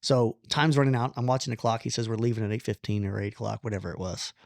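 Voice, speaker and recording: A man telling a long personal story in casual conversation, animated, blunt and self-deprecating, with the odd curse word. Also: on the low side, fast, vocal fry, no echo, clean studio sound. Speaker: podcast guest.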